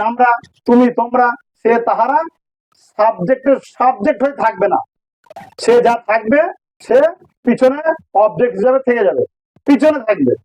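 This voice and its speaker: An English teacher explains grammar step by step, his voice pushed to an extremely high pitch by a voice changer yet still darkish in tone, on a low-quality recording. His didactic manner has him repeating key phrases and checking that listeners understand.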